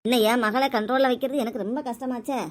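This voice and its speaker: A woman scolds her children in a scripted family skit. Her voice sits high, and she nags loudly in quick, sharp bursts. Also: steady tone. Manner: scolding, nagging, loud and rapid.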